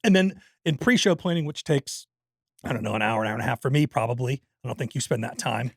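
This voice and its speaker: Jokey self-deprecating podcast co-host. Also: male voice, medium pitch, quick pace, creaky, no room sound, clean studio sound. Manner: jokey, self-deprecating, reads listener mail aloud. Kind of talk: casual podcast banter.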